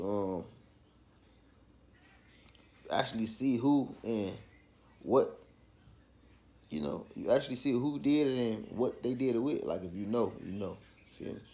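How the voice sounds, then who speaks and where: A man's voice: medium pitch, animated, unhurried, creaky, pauses often, a little mellow, a little hiss or hum. A man with a Chicago accent telling a personal story in a casual, slangy street style, often checking in with the listener. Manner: slangy, with frequent checking tags like "you feel me". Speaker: vlogger.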